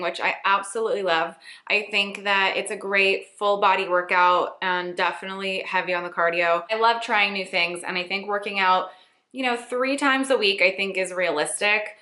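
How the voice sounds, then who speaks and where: Bright-voiced chatty woman in her late twenties. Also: medium pitch, moderate pace, roomy sound. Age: late 20s. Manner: chatty, playful, self-teasing. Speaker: lifestyle blogger. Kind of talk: casual rapid-fire Q&A vlog.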